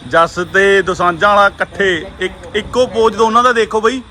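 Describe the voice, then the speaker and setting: A man's voice: high voice, moderate pace, sharp tone. A man chatting casually and playfully on camera, outdoors at a roadside stop. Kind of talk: casual joking chat on camera. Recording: faint outdoor traffic noise.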